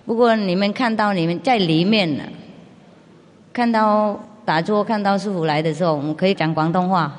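A woman's voice: medium pitch, moderate pace. A woman with a foreign accent speaks simple, non-native Mandarin as a spiritual master answering questions informally, often with rhetorical questions. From outside China. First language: not Mandarin. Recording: long reverb of a large hall.

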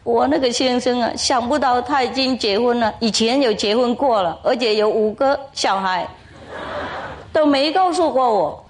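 A woman's voice: on the high side, moderate pace, voice pushed up, natural voice. A woman voicing a tearful young newlywed bride who whines and pities herself, telling it as a joke. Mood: upset. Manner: wailing, self-pitying.

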